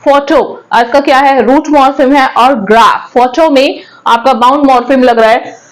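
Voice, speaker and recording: High-pitched woman teacher with a Hindi accent, patient quizzing style for an online grammar lesson. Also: fairly even intonation, moderate pace, poor audio. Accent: Hindi-accented English. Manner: asks questions and answers them herself.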